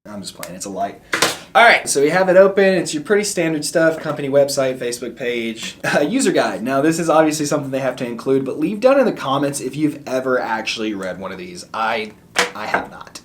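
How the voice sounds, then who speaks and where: In a casual vlog with background music, a young male musician reviews a microphone, chatting cheerfully and putting the technical jargon in simple terms. He speaks fairly quickly in a mid-range voice with big swings in pitch, and some background noise is present.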